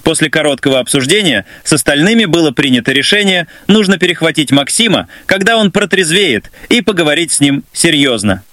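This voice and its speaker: A man narrating a dramatic story in an expressive way. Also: on the high side, brisk, hardly any pauses, dry recording, clean studio sound.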